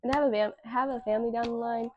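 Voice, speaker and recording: A woman's voice: fairly high pitch, fairly even intonation, fast, lo-fi sound, noisy background. A woman in her twenties hosting a casual solo talk, candid and slangy, with emphatic repetition. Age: 20s. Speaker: podcast host.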